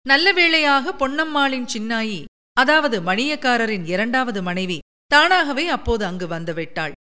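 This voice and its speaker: A woman narrating a novel aloud in an expressive storytelling manner. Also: on the high side, measured pace. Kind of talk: audiobook novel reading.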